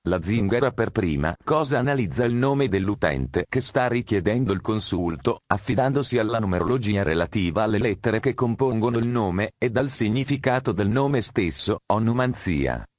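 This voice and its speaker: Low synthetic text-to-speech male voice. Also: normal speed, hardly any pauses, no room sound. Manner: flat automated reading, like a station announcement. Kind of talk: automated reading of a text.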